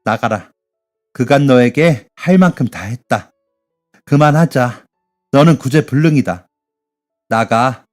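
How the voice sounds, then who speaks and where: A man's voice: medium pitch, lively intonation, slow pace, pauses often, darkish tone, soft background music. A man voicing a furious mother in her forties who scolds her son at a scream.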